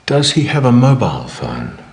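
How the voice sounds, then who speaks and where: A man's voice: mid-range voice, wildly swooping pitch, moderate pace. An actor playing a curious, polite male private investigator who hums and hesitates between his questions. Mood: calm. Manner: hesitant, with many fillers and hums. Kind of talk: scripted English-learning drama. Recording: roomy echo.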